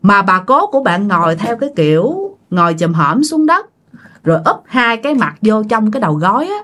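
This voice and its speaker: A woman's voice: mid-range voice, sing-song, a little fast, fairly bright tone. A woman telling a ghost story in a casual, chatty way, talking straight to her listeners. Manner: chatty, addresses listeners directly.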